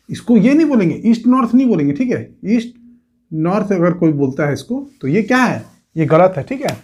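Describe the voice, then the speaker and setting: Lively Hindi-speaking male coaching teacher. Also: high voice. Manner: repeats "theek hai" and asks the class rhetorical questions. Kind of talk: exam coaching lesson.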